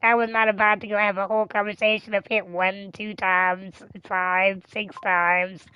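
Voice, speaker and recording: A woman's voice: mid-range voice, little pitch movement, normal speed, clean tone, muffled recording. A woman streamer telling a personal story in a casual, chatty way, swearing freely and laughing often.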